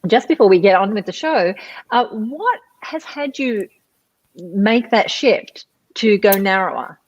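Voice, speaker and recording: Lively woman hosting an online chat. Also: mid-range voice, unhurried, lo-fi sound. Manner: chatty, reads out viewer messages, laughs often. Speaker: host. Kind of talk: live online chat show. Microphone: video call.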